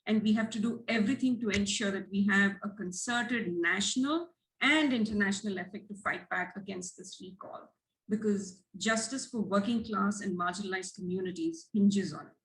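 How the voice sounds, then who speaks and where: A woman's voice: medium pitch, moderate pace, a bit bright, poor audio. A woman activist giving earnest, emphatic prepared remarks as a guest on a livestream. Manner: earnest, emphatic, listing points.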